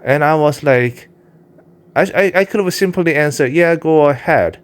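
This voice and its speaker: A man with a Korean accent, a vlogger and self-published writer who speaks English as a second language, talks candidly to his cat in a rambling, casual vlog monologue. His voice is a little high, clear and resonant, at normal speed, and he uses lots of fillers and restarts.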